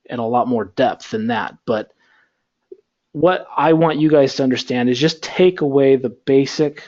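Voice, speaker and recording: A man's voice: mid-range voice, unhurried, muffled recording. A male instructor lecturing an online class over a computer call, rambling with lots of fillers. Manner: rambling, filler-heavy, relaxed. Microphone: computer mic on a video call.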